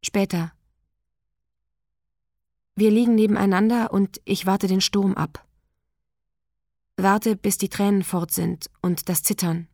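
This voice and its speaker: A woman narrating a literary text in a quiet, measured, intimate way. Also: mid-range voice, steady tone, no room sound, studio quality. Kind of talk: literary reading.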